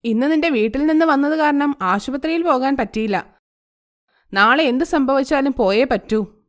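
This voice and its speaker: A woman's voice: sits high, normal speed, natural voice. A woman doing a scheming mother-in-law. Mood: stern. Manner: threatening, commanding.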